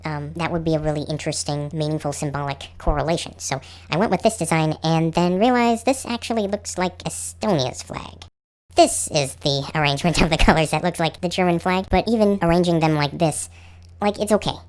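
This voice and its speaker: A man presenting a casual, explanatory slideshow narration, his voice electronically pitched up like a helium chipmunk. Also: fairly quick. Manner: conversational, explanatory. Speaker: channel host presenter.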